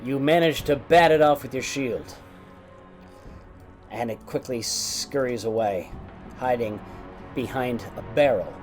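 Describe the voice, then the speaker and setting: Measured man running a tabletop game. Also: medium pitch, soft background music. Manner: measured, descriptive. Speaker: game master.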